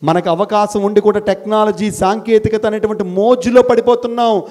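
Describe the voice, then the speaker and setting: Man, motivational speaker to a student crowd, lively and scolding, high-pitched, mixes in English phrases. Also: a little fast. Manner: animated, scolding, teasing the audience. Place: college hall.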